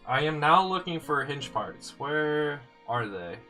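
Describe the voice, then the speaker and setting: Indoors in his room, faint music behind him, a man casually builds sets on a live stream while thinking out loud and answering viewers. His voice is a little high and slightly congested, very animated, pushed, and bright, yet he takes things slowly.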